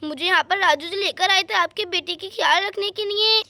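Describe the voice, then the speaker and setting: A woman's voice: very high-pitched, a little fast, vocal fry, sharp tone, dry recording, full character voice. A woman voicing a frightened young female caretaker in a doll story, anxiously pleading to be believed.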